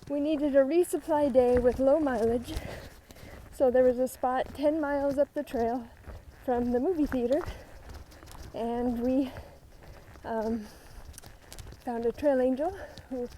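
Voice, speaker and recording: A woman's voice: high-pitched, dark tone. A middle-aged woman narrating a casual family hiking vlog on a handheld camera, chatty and upbeat with frequent laughs. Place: outdoors on a hiking trail. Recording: noisy outdoor recording.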